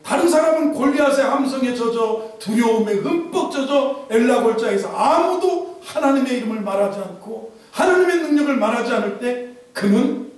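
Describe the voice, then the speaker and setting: A male pastor from Chungcheong preaching a lively, humorous sermon to his congregation. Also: very high-pitched. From Chungcheong, Korea. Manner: animated preaching with humor and mimicked dialect. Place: church sanctuary. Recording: echoey church hall from a distance.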